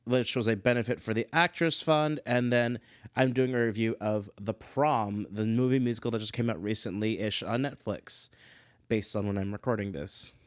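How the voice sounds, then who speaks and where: A man's voice: lowish voice, normal speed, no echo, studio quality. A man hosting a casual solo commentary show, chatty and self-deprecating, wandering off on tangents. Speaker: podcast host.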